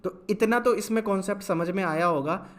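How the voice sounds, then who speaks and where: A young man with a somewhat high voice leads a classroom-style lesson. He spells words out one syllable at a time in a drawn-out way and keeps asking questions that he then answers himself. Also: a bit bright. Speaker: Hindi teacher.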